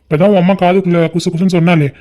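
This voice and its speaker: A man's voice: high voice, little pitch movement, very fast, a little mellow, close to an everyday voice. A man voicing a stern, angry middle-aged father in a cartoon family drama, scolding and giving orders. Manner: scolding, commanding.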